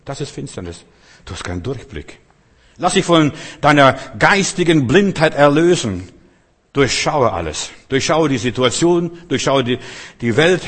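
Guy preaching a sermon, husky voice, goes loud then quiet, talks right at you, big echoey church sound. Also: medium pitch, very animated, measured pace. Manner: emphatic, swings between loud declarations and hushed lines; addresses listeners directly and intimately. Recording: long hall reverb.

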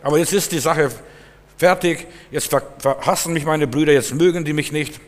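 A preacher voicing the young Joseph, raising his voice high in a bewildered, pleading complaint, in a reverberant hall. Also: normal speed, natural voice. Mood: plaintive.

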